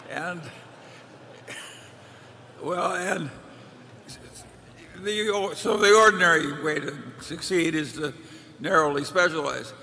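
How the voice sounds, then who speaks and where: An older man with a bright, gravelly voice answers a question from a table on stage. He speaks bluntly with dry wit, and the big reverberant hall adds a faint hum of ambience. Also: a little high. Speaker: vice chairman on stage panel. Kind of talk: unscripted Q&A answers.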